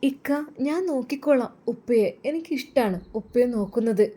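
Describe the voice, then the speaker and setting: A woman's voice: a little high, normal speed, warm tone, breathy edge, pitched above the performer's own voice. A woman voicing a sweet, eager young woman who earnestly offers to help, in a storybook tale.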